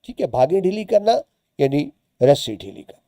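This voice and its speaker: Dark-voiced teacher explaining a story. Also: male voice, fairly high pitch, very animated, normal speed, dry recording. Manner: explains words and lines as he reads. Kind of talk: reading and explaining a short story to students.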